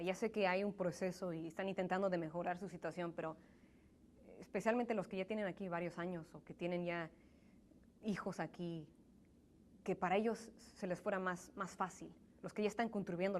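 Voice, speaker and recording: In a conversational interview, a young woman of Mexican family background, raised in America and a native English speaker, responds thoughtfully and sincerely, often restarting what she says. Her voice is mid-range and a little mellow, with a touch of hiss or hum in the recording.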